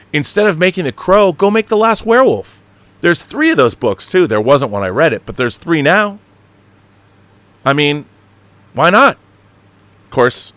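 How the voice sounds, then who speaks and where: Hosting a live stream, a man with a mid-range, slightly bright voice reads out viewer comments. He answers them with his opinions in a casual, rambling, conversational way.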